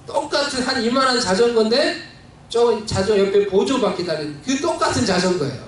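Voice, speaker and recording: A man's voice: high voice, animated, fairly quick, slight background noise. A male pastor preaching a sermon, telling a personal story in a heartfelt, conversational way with many fillers. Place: church sanctuary. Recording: very echoey church hall, mic at a distance.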